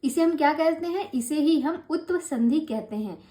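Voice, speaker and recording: A woman teaching an online grammar class, patient and encouraging, slowing down to spell out each rule. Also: high voice, animated, warm tone. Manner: encouraging, patient explaining, slows to spell out rules.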